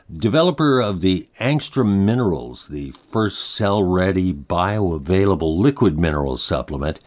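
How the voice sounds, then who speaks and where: A man's voice: deep voice, a little mellow. A man hosting and announcing on a radio show in a friendly, chatty style.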